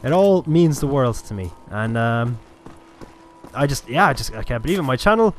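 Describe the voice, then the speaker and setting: Game music and gunfire play as a chatty Irish host from Cork walks through a first-person shooter, casually commenting and swearing occasionally. His mid-range voice swings widely in pitch at a moderate pace.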